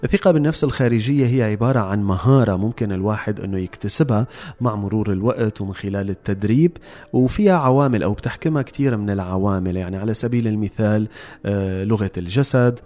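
A man's voice: lowish voice, fast talker, mellow. A man with a Levantine Arabic accent hosting a motivational explainer, speaking directly to listeners in an instructive, emphatic way. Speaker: host of a self-help series.

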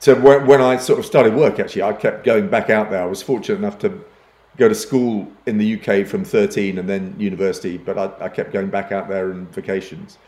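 On a conversational podcast, an older man raised in Uganda and Kenya speaks a little fast in a steady, darkish, fairly low voice with reverb around it. The advertising executive often restarts sentences and pokes fun at himself.

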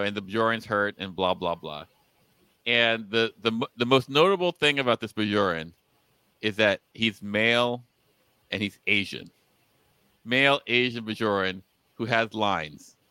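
A man co-hosting a podcast in casual chat, an animated storyteller who laughs often and restarts his sentences. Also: on the low side, smooth, dry recording, rough recording. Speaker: podcast co-host.

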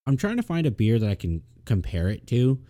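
A man's voice: medium pitch, wildly swooping pitch, a little fast, dark tone. A laid-back man, co-hosting a casual podcast chat, swearing often and using lots of fillers. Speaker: podcast co-host.

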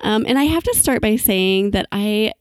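An upbeat woman hosts a podcast interview at an even, middle pitch. Her voice sits close and dry on the mic, with no room sound around it. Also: normal speed, no echo. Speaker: podcast host.

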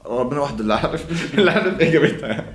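A man's voice: mid-range voice, animated, very fast, roomy sound, soft background music. A man with an Egyptian accent hosting a casual chat, joking and playful. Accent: Egyptian Arabic. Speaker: host.

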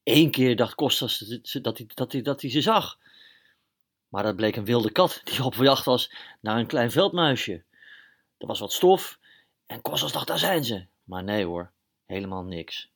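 A man tells a children's story in a lively, animated way. He pauses and repeats words as he goes. His voice is mid-pitched and ordinary.

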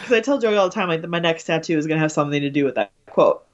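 Emotional, animated young woman chatting. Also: sits low, rapid-fire, no room sound, highs cut off. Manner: emotional, animated, many "like" fillers. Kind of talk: casual chat.

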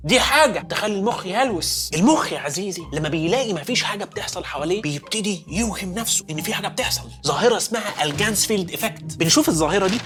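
A man's voice: sits high, expressive, rapid-fire, few pauses, music in the background. A man with an Egyptian accent hosts a comedic science show. He narrates playfully and keeps turning to the viewer as "dear". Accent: Egyptian Arabic. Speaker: host.

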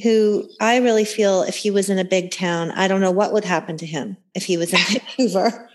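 A woman's voice: medium pitch, moderate pace. A woman interviewing an author, asking long, winding questions with restarts.

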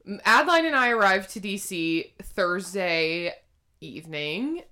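A woman's voice: medium pitch, big pitch swings, a little slow, pushed and bright. A woman co-hosting a podcast, telling a travel story in casual chat and laughing often. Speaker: podcast co-host.

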